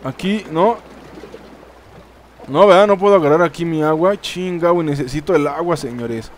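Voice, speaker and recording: A man's voice: fairly high pitch, moderate pace, a little hiss or hum. A man with a Mexican accent giving casual let's-play commentary, chatting straight to his viewers and swearing freely. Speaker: gaming YouTuber.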